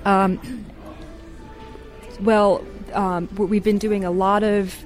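A woman's voice: medium pitch, level tone, slow, faint music behind. A woman guest on a radio travel interview, talking enthusiastically with many fillers and restarts. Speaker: tourism representative guest.

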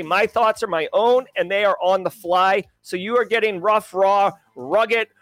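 A man hosting a daily livestream, talking casually and energetically to his chat with slang and shout-outs. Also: high-pitched, no room sound. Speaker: host.

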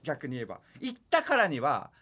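Quick, defensive man joking on radio. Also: a little high, huge pitch swings, bright, forceful tone, slightly rough. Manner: defensive, joking, laughs while explaining. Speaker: radio comedy host. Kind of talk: late-night radio banter.

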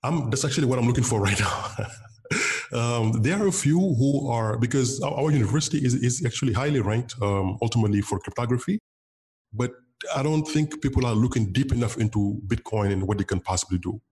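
Speaking a little fast at medium pitch, this darkish-toned man is a bitcoin developer from Senegal, with Wolof as his first language. As an interview guest, his casual talk is riddled with fillers and false starts.

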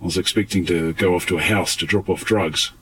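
A man, giving testimony in an archival police interview, halting and stumbling, with swearing. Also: deep voice, fairly even intonation, a bit bright, slightly rough, dry recording, low-quality recording.

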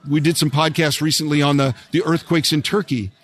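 Guy hosting a podcast, a bit high pitched, super enthusiastic, lots of wows. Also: steady tone, a little fast. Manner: enthusiastic, affirming, many "wow" and "yeah" replies. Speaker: podcast host, interviewer. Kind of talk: interview conversation.

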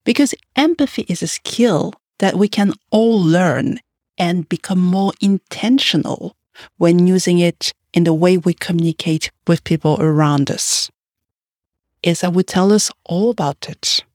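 A woman's voice: lowish voice, unhurried, a little mellow, dry recording, clean studio sound. A woman hosting a business podcast, reading a scripted welcome and then asking her guest conversational questions. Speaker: podcast host. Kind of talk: podcast interview.

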